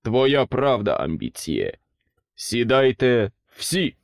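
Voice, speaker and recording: A hulking, sour-faced king, as a male narrator puts him on, roaring every word in a slow, heavy boom. The voice swings widely in pitch, and the sound is dry and close. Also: sing-song, gravelly, dry recording, heavily acted. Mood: booming, imperious. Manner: slow booming bellow.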